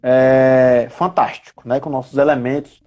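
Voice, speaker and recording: A Brazilian-accented man appears as a guest expert on tabletop role-playing games in a casual live chat, explaining things didactically and frequently using tag questions. His mid-range voice is level in tone, a little mellow, and slightly slow.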